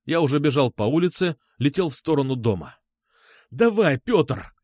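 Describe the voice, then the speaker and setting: A man's voice: mid-range voice, animated, quick pace, a little mellow, no echo, studio quality. A man narrating a tense first-person audiobook story in a dramatic manner.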